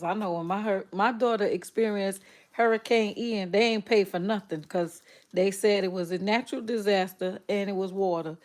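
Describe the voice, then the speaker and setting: A woman's voice: medium pitch, a little mellow. Laughing woman livestreaming. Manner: laughs often, teasing, addresses viewers directly. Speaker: livestream host. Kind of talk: casual livestream chat with viewers.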